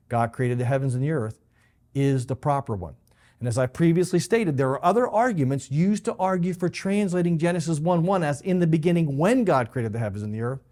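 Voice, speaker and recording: A man, a pastor, giving a scripted Bible teaching to camera, explaining clearly with emphatic stresses. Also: mid-range voice, a little mellow.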